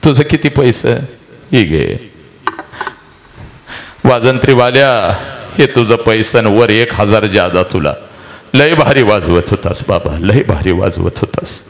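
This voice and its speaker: A man's voice: lowish voice, expressive, slow pace, long pauses, voice pushed down. A man acting a poor village father who hides his grief. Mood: choked, grateful. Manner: forced cheer, pleading.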